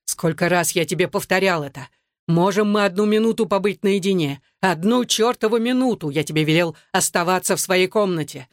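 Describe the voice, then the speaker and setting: A reader voicing an adult man, an enraged husband shouting through gritted teeth in an audiobook. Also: mid-range voice, a little fast, dry recording, studio quality, natural voice. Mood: raging. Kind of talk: audiobook narration.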